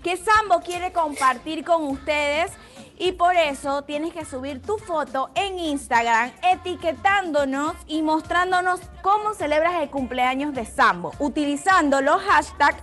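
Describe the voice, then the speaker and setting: A woman with a Panamanian Spanish accent hosts a children's live stream in a very high voice. She keeps the audience joining in with upbeat prompts. Faint music sits behind her. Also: sharp tone. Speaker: host.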